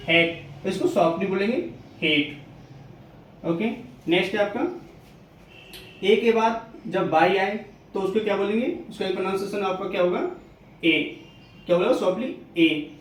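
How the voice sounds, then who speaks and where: A man teaching a spoken English lesson, slowly repeating his points and asking questions that he then answers himself. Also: high-pitched, steady tone, slight background noise. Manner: slow, repetitive teaching, poses questions and answers them. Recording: very echoey room, mic at a distance.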